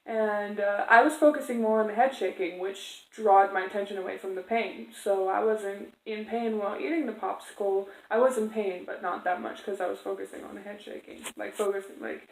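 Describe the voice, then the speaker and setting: A woman's voice: medium pitch, fairly even intonation, fairly quick, creaky, few pauses, a little mellow. A woman telling a personal story casually to camera as a vlogger, in a rambling, conversational way. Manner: rambling, conversational, acts out quoted exchanges. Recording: echoey room.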